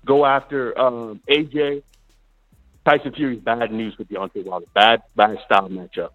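A man's voice: mid-range voice, fairly even intonation, moderate pace. A man calling in to a sports talk show over a phone line, blunt and insistent as he keeps repeating his point. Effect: heard over a phone line. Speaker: radio show caller. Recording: muffled tinny phone line with faint music.

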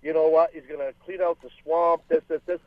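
A Lebanese man calls in to a radio talk show over a dull phone line with no room sound. His voice is a little high, steady, and a little fast; he's earnest, talks over the host, and restarts often.

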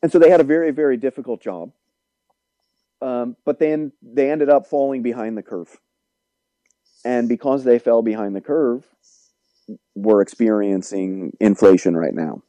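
Male economist guest, lectures calmly, deep mellow tone, dry studio sound. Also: no echo, rough recording. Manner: measured, lecturing. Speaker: economics professor. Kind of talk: explanatory interview answers.

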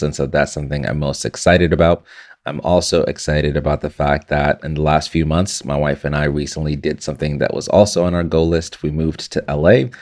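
A man with an extremely deep, low voice speaks as a podcast guest. Born in Zimbabwe, he works as a content creator and tells his own story in an earnest, reflective way. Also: a little mellow. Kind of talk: personal storytelling in a podcast interview.

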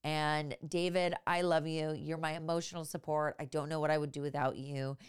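A woman's voice: low-pitched, level tone, moderate pace, smooth. A woman hosting a podcast, wrapping up the episode in an upbeat, encouraging way. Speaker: podcast host. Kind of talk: podcast outro.

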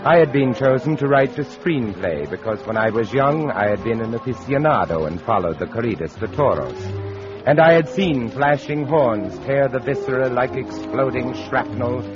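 An actor playing a graying, fatalistic writer near fifty, narrating an old radio drama in a literate, melodramatic way. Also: male voice, medium pitch, natural voice. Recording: dull lo-fi old radio recording. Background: prominent music.

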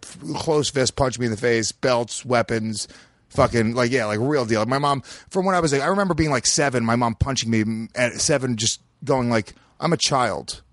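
A man's voice: mid-range voice, moderate pace, a bit bright, no echo, studio quality. A man in his thirties, a comedian guest on a podcast, chatting bluntly and with strong opinions. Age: 30s. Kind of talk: casual chat.

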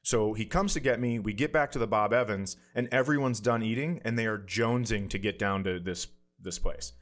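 In a lowish, brisk voice, a comedian appearing as a podcast guest spins a casual, self-deprecating comic story. He animates the anecdote by acting out what people said along the way.

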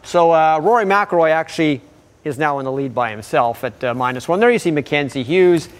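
A man's voice: a little high, brisk. A man presenting sports news as an anchor, in an informal, conversational way.

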